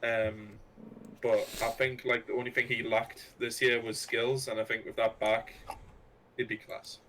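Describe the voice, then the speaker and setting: A young man co-hosting a casual podcast, laid-back and measured as he shares his opinions. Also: mid-range voice, flat delivery, bright, forceful tone, slight background noise. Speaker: podcast co-host. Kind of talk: casual chat about football cards.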